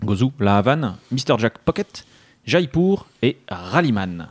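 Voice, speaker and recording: A man's voice: mid-range voice, very animated, no room sound. A man co-hosting a radio show about board games, presenting the news in a joking, casual way and often restarting his sentences. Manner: joking, reads notes, halting restarts. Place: studio round a table.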